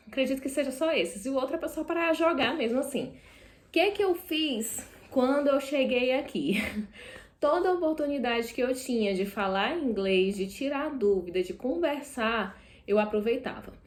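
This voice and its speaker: This vlogger, a young Brazilian woman with a Brazilian Portuguese accent, speaks casually to the camera from an indoor seat, animated and prone to self-correction mid-sentence. Her high voice comes through with a roomy sound.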